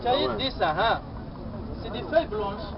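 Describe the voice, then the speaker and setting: A man's voice: high voice, expressive, normal speed. A man doing kids party magician patter, calling out short repeated phrases to children. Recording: muffled outdoor recording, loud crowd noise.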